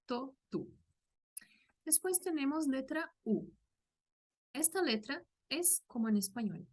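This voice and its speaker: A woman's voice: on the high side, darkish tone. A woman from Brazil with a Brazilian Portuguese accent and Portuguese as her first language, teaching a language lesson patiently and demonstrating sounds carefully.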